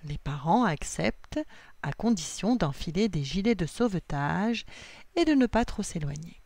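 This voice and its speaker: A woman reading a children's storybook aloud in an expressive read-aloud manner. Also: fairly low pitch, normal speed, creaky, no echo.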